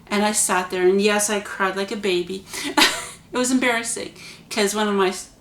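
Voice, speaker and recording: A woman's voice: medium pitch, steady tone, normal speed, fairly bright tone, roomy sound. A woman hosting her own vlog, talking casually and earnestly to her viewers with chatty asides. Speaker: vlog host. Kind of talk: casual spoken reflection to camera.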